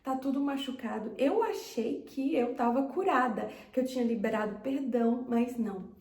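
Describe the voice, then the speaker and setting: Earnest Brazilian woman, high voice. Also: normal speed, darkish tone. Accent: Brazilian Portuguese. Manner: earnest, heartfelt storytelling. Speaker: faith vlogger. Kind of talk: personal faith testimony. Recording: roomy echo.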